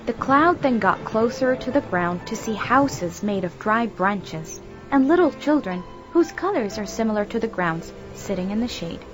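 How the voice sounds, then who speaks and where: A woman narrating a children's story in an expressive, animated storytelling manner. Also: mid-range voice, normal speed, hardly any pauses. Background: background music.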